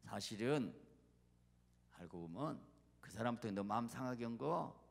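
A man voicing God as a tender fatherly figure who speaks softly and slowly to comfort a hurting believer. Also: medium pitch, lively intonation, creaky. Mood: consoling. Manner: soft, slow and consoling. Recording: long church-hall reverb.

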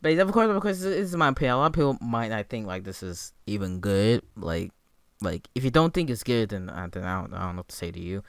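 A young man with a bright, forceful voice reacts to music in hyped frat-bro slang. His pitch leaps around as he goes, and the sound is close and dry. The delivery is casual, excited commentary. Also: fast, clear, resonant tone, dry recording. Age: young adult. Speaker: music reaction video maker.

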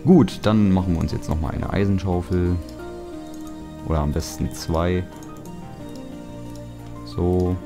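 Deep-voiced German man chatting over gameplay. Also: fairly even intonation, slow pace, vocal fry, pauses often. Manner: chatty, self-mocking, grumbling asides. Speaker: let's play host. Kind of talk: casual gameplay commentary. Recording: background music under voice.

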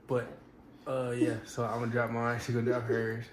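A man vlogger in casual chat, talking in a slangy, low-key way. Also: completely flat delivery, moderate pace. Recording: roomy echo with loud background noise.

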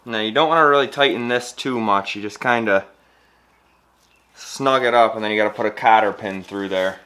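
A vlogger in his thirties gives casual how-to narration on assembling a trailer in his home garage workshop, one step at a time. He speaks at a moderate pace in a lowish, bright, forceful voice over the noise of the garage.

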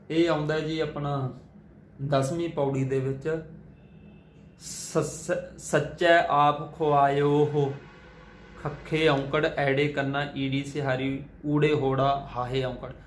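A man who chants scripture and then teaches how to pronounce hard words. He spells out letters and vowel signs slowly and carefully. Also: on the high side. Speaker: Sikh scripture reader and teacher. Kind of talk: chanted scripture recitation, then pronunciation lesson. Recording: echoey room with faint ambient noise.

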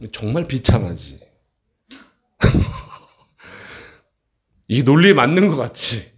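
A man teaching an English textbook passage to middle school students in a classroom, often checking in with quick questions. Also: fairly high pitch.

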